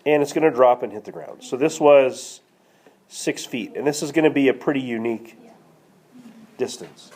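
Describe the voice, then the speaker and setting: A man's voice: mid-range voice, normal speed, darkish tone. A man teaching a math class, walking students through a problem and checking in with them, with a cough now and then. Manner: checks in with students, asks questions. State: coughing, slightly hoarse. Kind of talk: classroom lecture screencast. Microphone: tablet screencast mic.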